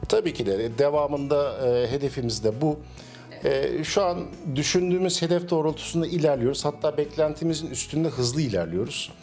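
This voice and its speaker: A middle-aged man, a cafe owner, answering interview questions at a measured pace with frequent hesitation fillers, recorded on a handheld mic in a small cafe. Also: on the high side, a little mellow, soft background music. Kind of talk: business interview.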